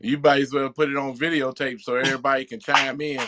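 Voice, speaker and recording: A man chatting casually on a talk show, musing out loud as he tells a story with drawn-out, laid-back phrasing. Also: medium pitch, flat delivery, noisy background.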